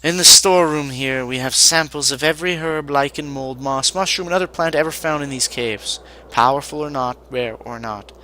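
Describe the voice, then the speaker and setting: A man's voice: mid-range voice, moderate pace, bright, forceful tone, natural voice, low-quality recording. A man voicing a young male Vahnatai apprentice mage who speaks stiffly and formally.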